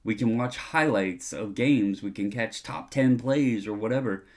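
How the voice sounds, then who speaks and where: A man's voice: mid-range voice, unhurried. A middle-aged man hosting a hobby video, talking in a casual, opinionated monologue with an earnest, emphatic, colloquial manner.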